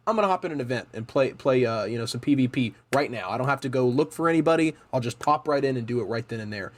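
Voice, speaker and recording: A man hosting a casual interview, rambling and repeating words as he frames long questions. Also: mid-range voice. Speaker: interview host, streamer.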